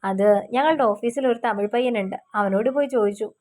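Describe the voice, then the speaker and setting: A soft, tender young man in love speaks gently with a light teasing edge, as a woman reading the story voices him. The voice sits slightly high and stays close to an everyday storytelling tone. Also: brisk, lightly acted.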